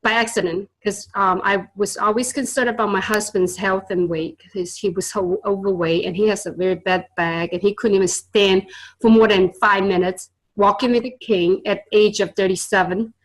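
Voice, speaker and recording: With a mid-range voice, fairly even intonation, and a normal pace, this earnest woman tells stories as a guest in a casual interview. She's a tutor and business owner, born in Vietnam and raised in China, whose first languages are Chinese and Vietnamese, and she uses many fillers and non-native grammar. The recording is low quality.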